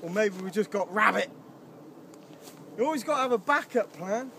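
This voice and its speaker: By a lake at a wild camp, a man in his thirties vlogs to a handheld camera at arm's length amid background noise. He has a high, gravelly, expressive voice at a moderate pace, and his casual chat is upbeat, rambling and full of ums.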